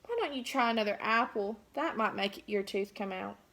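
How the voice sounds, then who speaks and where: A woman voicing a storybook mother who fusses over her son's tooth in a soothing, slightly lowered voice. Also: normal speed, bright, forceful tone. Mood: fussing. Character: calm, fussing storybook mother.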